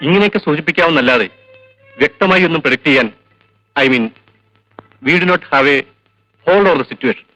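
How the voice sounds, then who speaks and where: An actor playing an educated hospital doctor who explains a grave diagnosis in a measured way. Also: male voice, on the high side, expressive, pushed and bright, faint music behind, rough recording. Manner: measured, explanatory, mixing in English.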